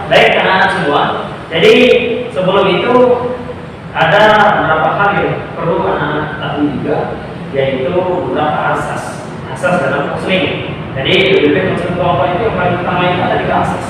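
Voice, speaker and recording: A male school counselor leading a group counseling session, patiently explaining and checking that everyone understands. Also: sits high. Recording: echoey room from far off, noisy.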